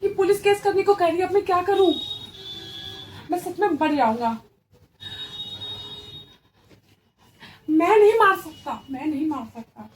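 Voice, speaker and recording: A woman's voice: very high-pitched, animated, a little fast, darkish tone, soft background music. A woman playing a desperate guilty young man. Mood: panicked. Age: young adult. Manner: anxious, self-pitying, muttering to himself. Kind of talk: amateur dramatic acting.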